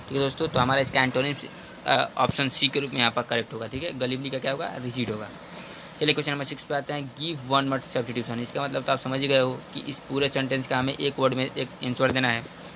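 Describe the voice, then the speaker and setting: A man's voice: medium pitch, noisy background. A young man teaching English for exam preparation, explaining each question at length and calling his viewers friends. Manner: reads English question lines slowly, then explains in Hindi. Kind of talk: exam-prep lesson.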